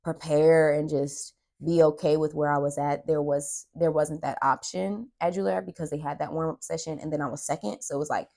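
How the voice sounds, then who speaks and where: A young woman vlogging in a casual storytelling way, her voice sitting low. She is chatty and keeps acting out what people said to her. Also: fairly even intonation, fairly quick, creaky, few pauses, mellow. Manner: chatty, retells dialogue with "I was like".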